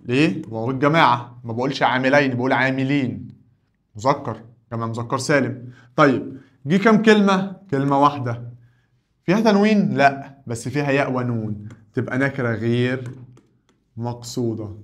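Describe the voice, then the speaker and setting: A man's voice: mid-range voice, brisk. Egyptian man drilling grammar questions. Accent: Egyptian Arabic. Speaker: Arabic teacher.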